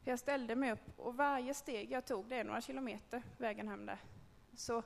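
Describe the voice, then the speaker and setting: Gravelly-voiced woman telling her story. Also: on the high side, fairly even intonation, big-room sound. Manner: candid, conversational storytelling with hesitations. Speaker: speaker telling a personal faith story. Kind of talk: personal testimony to a group.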